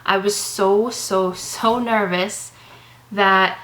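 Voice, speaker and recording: A woman's voice: medium pitch, fairly even intonation, drawn-out words, fairly bright tone, rough recording. A young woman from Canada chatting to her camera, out of breath, rambling and reassuring. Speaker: vlogger. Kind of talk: casual chat to camera. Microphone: camera mic.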